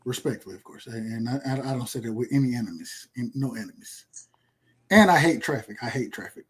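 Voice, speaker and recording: A man's voice: medium pitch, lively intonation, fairly quick, fairly bright tone, slightly rough. A man, rambling and boasting in casual podcast chat. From Georgia, USA. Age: 30s. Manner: laid-back, boastful, rambling with repeats. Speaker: podcast host.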